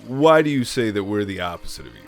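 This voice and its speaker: A man's voice: on the low side, lively intonation, fast talker, close to an everyday voice. A man playing a cocky, self-righteous male captor who questions prisoners in a tabletop game, with music behind him. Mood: indignant, righteous. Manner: interrogating, defensive, self-righteous.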